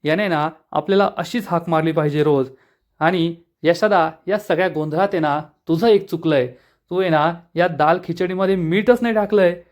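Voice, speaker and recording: A man's voice: fairly high pitch, lightly acted. A man voicing a quarrelsome young village man who teases his brothers, in an episode recap. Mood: teasing. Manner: teasing, quarrelsome, quick retorts.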